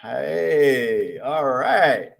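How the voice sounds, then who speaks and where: A man hosting an online interview on a video call, measured and encouraging, often repeating his words. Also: mid-range voice, big pitch swings, creaky. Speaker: host.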